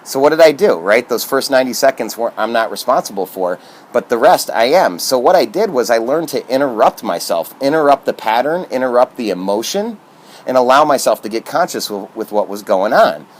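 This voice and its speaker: A man's voice: mid-range voice, sing-song, fairly quick. A man from Michigan giving casual motivational talk to camera as a self-help vlogger, upbeat and earnest, with plenty of fillers.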